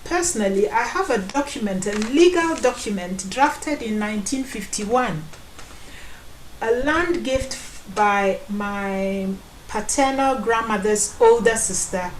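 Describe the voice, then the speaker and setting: A woman, speaking on an online town hall panel, deliberate and pausing to search for her words. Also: on the high side, lively intonation. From Ghana. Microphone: video call. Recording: echoey room, faint background noise.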